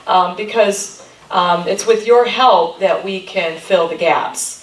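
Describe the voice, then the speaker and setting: Taking her time, a middle-aged Michigan woman who heads a chamber of commerce gives an informal, friendly, rambling talk with lots of ums to a local group in a meeting room. Her voice is medium in pitch and sits far from the mic, recorded in an echoey room.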